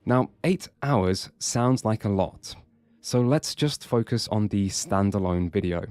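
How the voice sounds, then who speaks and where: A man's voice: fairly low pitch, animated, a little slow, darkish tone, no room sound. A man reading scripted video essay narration in a dry, sardonic way.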